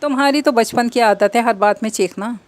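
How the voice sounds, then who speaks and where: A woman's voice: on the high side, a little fast, lightly acted. A woman reading an audiobook, voicing a teasing, easygoing older brother.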